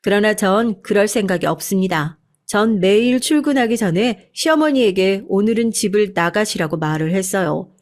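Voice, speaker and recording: A woman narrating a scripted family drama story in a steady, even storytelling manner. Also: medium pitch, normal speed, hardly any pauses.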